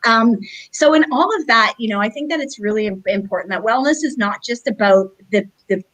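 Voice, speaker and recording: A woman's voice: a little high, fairly quick, rough recording. Rambling woman hosting a video call chat. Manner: warm, rambling, many fillers. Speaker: community organization host.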